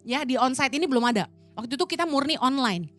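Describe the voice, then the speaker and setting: A woman's voice: sits high, quick pace, soft background music. A middle-aged woman pastor preaching a sermon through chatty, slangy personal stories. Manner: chatty, slangy, animated storytelling.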